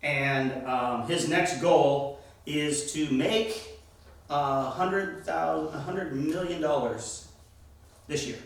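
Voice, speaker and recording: A man with a somewhat high voice leads a Bible class, speaking slowly and with emphasis while putting questions to his students. As a church teacher, he is captured by a distant mic in an echoey room, so his voice sounds far away.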